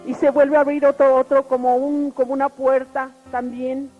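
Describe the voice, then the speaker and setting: High-voiced woman giving an earnest testimony. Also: little pitch movement. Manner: earnest and halting, with frequent restarts and repeated words. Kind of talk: spoken personal testimony. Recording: muffled recording with faint background music.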